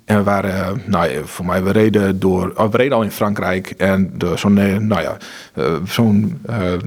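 Husky man telling earnest stories. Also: deep voice, steady tone, normal speed. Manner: earnest, faith-driven storytelling with many restarts. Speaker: charity director. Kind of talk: conversational interview.

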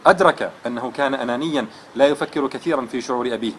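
A man's voice: medium pitch, racing, slight background noise. A man giving a religious lesson, telling a moral story in an earnest, dramatic way. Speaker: religious lecturer.

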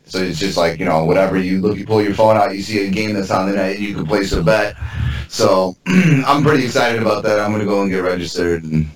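A man's voice: lowish voice, brisk, reverberant, slight background noise. A man co-hosting a podcast in casual, slangy banter, sounding thin and boxed-in as if on a remote call. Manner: informal slangy speech with frequent swearing. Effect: thin, tinny, boxed-in remote call sound. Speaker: podcast co-host.

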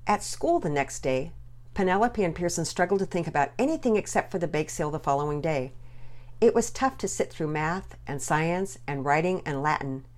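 A woman narrating a children's storybook in an expressive, gently animated reading. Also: lowish voice.

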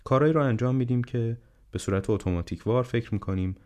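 A man voicing a gentle, wise, ailing old male professor in an audiobook, speaking calmly and reflectively. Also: mid-range voice, close to an everyday voice. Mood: earnest. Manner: calm, reflective, unhurried counsel. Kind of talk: audiobook character reading.

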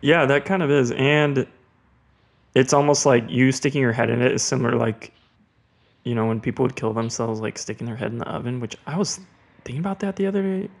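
A man's voice: medium pitch, brisk, vocal fry. A man from Spokane hosting a podcast, goofy and rambling in casual chat, laughing often. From Spokane, Washington State, USA. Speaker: podcast host.

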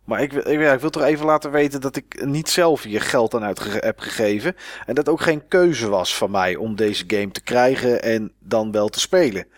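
A man co-hosting a casual podcast about games. He talks in a loose, rambling way, with lots of filler words and restarts. The recording is dry and close, with a middle-pitched voice. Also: normal speed, few pauses, no echo. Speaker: podcast co-host.

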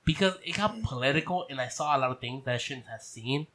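A man's voice: mid-range voice, animated, fast, fairly bright tone. A young man with a Mexican accent, chatting loosely and profanely with friends on a podcast, laughing often. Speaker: podcast co-host. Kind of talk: casual chat among friends.

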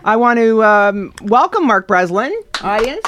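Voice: medium pitch, expressive, unhurried, a bit bright. An interview host speaking attentively and laughing often.

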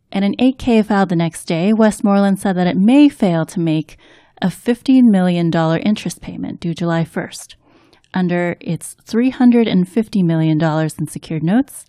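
A woman co-hosting a podcast, reading scripted financial news in a measured, even way. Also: medium pitch, no echo, clean studio sound. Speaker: co-host and news reader.

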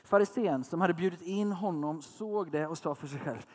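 Chatty preacher, slightly high voice. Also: male voice, in a large hall. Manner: chatty, asks listeners questions. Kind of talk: conversational sermon.

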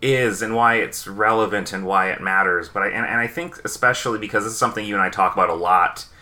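A man's voice: fairly low pitch, fast, bright, forceful tone. A man, hosting a casual podcast chat and rambling with many fillers. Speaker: podcast host.

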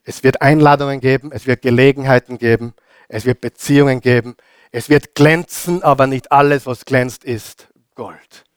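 A man with an Austrian German accent preaching a sermon as pastor. He hammers home repeated phrases, asks the congregation questions, and swings between loud and hushed delivery. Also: medium pitch, fairly even intonation, normal speed, clear, resonant tone, no room sound, studio quality.

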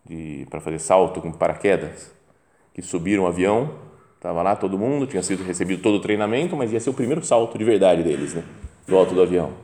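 A man's voice: low-pitched, fast, dark tone. A man with a Brazilian Portuguese accent, a priest leading a meditation, telling anecdotes in a chatty way and acting out the people he quotes. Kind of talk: anecdotal storytelling in a spiritual talk.

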